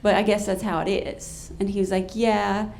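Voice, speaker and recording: A woman comedian telling a comic story on stage in a brash, profane, animated way. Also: mid-range voice, a little fast, slight background noise.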